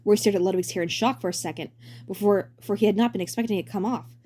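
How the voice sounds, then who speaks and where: A woman's voice: medium pitch, quick pace, dark tone. A woman narrating a fan story as a dramatic reading.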